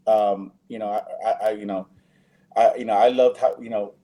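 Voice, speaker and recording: A man's voice: lowish voice, steady tone, normal speed, warm tone. A man, an actor guest in a casual interview, talking loosely with many fillers and restarts.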